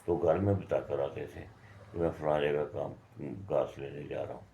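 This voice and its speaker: A man, a herbal healer telling a story to his viewers in a slow, rambling, folksy way. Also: a bass voice, steady tone, warm tone, lo-fi sound.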